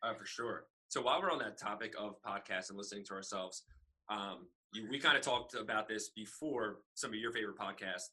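A man's voice: on the low side, brisk, sharp tone, low-quality recording. A young man co-hosting a podcast in casual chat, rambling and using "like" often. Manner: rambling, filler-heavy with "like". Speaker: podcast co-host.

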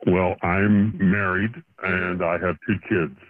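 Brief: male caller disguised through a voice changer, low and tinny over the phone line, earnest storyteller who stumbles and restarts. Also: flat delivery, slow pace, no room sound. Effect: voice changer disguising his voice. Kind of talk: telling a spooky personal story on a radio show.

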